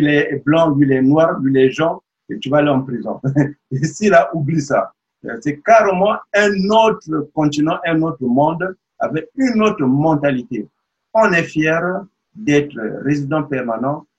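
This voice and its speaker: A man's voice: fairly high pitch, husky, highs cut off. A man hosting an interview, explaining things and addressing the viewer. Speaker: interview host.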